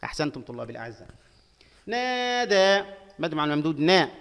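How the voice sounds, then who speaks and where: Man teaching syllables slowly, echoing hall. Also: fairly high pitch, fairly bright tone. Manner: slow, drawn-out syllables for young pupils. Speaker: primary school Arabic teacher. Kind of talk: syllable-by-syllable reading lesson. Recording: long hall reverb.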